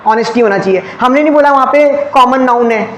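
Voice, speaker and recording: A man's voice: very high voice, fast, fairly bright tone. Echoey male teacher quizzing his class. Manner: asks questions and answers them himself; checks often with "clear?" and "okay". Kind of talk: exam-prep grammar lesson. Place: classroom with ceiling fans. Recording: echoey room, faint background hum.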